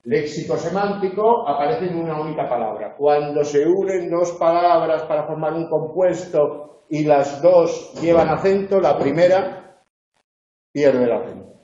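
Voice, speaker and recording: A man's voice: a little high, animated, a little slow, mellow. A male university tutor going methodically through exam answers and often checking that students follow. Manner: methodical, checks understanding with frequent "¿de acuerdo?". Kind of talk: lecture correcting exam answers. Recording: echoey, dull lo-fi classroom recording.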